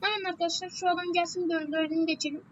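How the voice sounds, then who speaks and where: A woman's voice: very high voice, flat delivery, racing, muffled recording, heavy background noise. A woman giving a chatty game walkthrough, repeating her warnings again and again. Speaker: gameplay walkthrough host. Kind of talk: casual game tutorial commentary.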